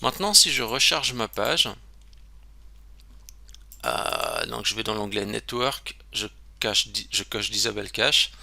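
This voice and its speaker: A man's voice: fairly low pitch, big pitch swings, takes it slowly, gravelly, pushed and bright, no echo. A man giving a casual screen-recorded web tutorial, chatty and self-interrupting, with lots of fillers.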